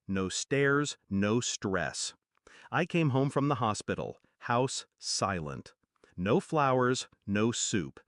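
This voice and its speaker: An older man tells a first-person story in short, deliberate phrases with dramatic pauses. His pitch rises and falls freely while the pace stays slow. The recording is dry and close, with no room sound. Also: dry recording. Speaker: narrator.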